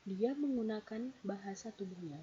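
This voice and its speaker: Mellow-voiced woman giving a lecture. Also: mid-range voice, normal speed. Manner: steady, explanatory, counts points one by one. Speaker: presenter explaining a psychology theory. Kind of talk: read-out lecture presentation. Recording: dull lo-fi recording with faint hiss.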